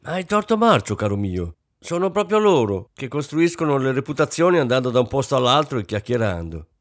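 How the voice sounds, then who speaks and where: A man reading an audiobook, voicing a fussy, social-climbing middle-aged wife who is shrill, bossy and fretful. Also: big pitch swings, fairly quick, dry recording, clean studio sound, lightly acted. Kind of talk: audiobook character voice.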